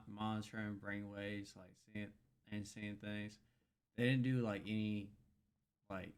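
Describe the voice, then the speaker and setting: A man with a smooth, clear, lowish voice tells a story on a casual podcast. He hesitates often and fills pauses with ums. His tone stays fairly even. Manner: hesitant, halting with "um" and "like". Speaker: podcast co-host. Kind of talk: casual chat, telling a story.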